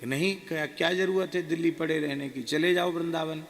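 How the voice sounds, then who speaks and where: A man voicing his elderly guru, who is affectionate and gently scolding and asks emphatic questions. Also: on the high side, fairly even intonation, fairly quick, in a large hall, pitched above the performer's own voice, lightly acted. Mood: gently chiding. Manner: warm admonishing, emphatic questions.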